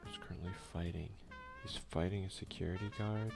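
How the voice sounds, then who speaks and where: Brisk and deep, with fairly even intonation and a creaky edge, a man hosts a laid-back ASMR let's play. He reads game text aloud and mutters slang as the gaming video host, while music plays behind his voice.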